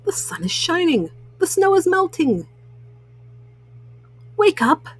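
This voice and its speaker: Woman reading as an eager high-voiced storybook frog. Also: big pitch swings, slow pace, heavily acted. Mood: urgent, excited. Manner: exclaiming, coaxing, earnest. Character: cheerful, eager young-at-heart male frog friend.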